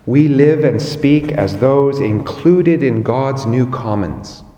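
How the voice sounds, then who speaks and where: Slow-preaching man in an echoey hall. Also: medium pitch, lively intonation, warm tone, dull audio. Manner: slow, measured preaching with emphatic rises. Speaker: pastor. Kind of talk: sermon.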